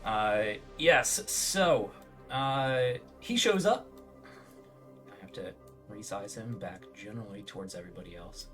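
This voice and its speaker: A man narrating a tabletop game as game master, improvising scenes in a halting, self-correcting way. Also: fairly low pitch, lively intonation, fairly bright tone, soft background music.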